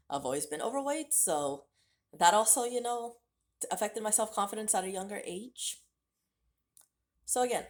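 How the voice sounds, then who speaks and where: A vlogger from the United States in her late 30s tells her life story candidly to the camera in a casual vlog, speaking conversationally and addressing viewers directly. Her voice sits on the low side.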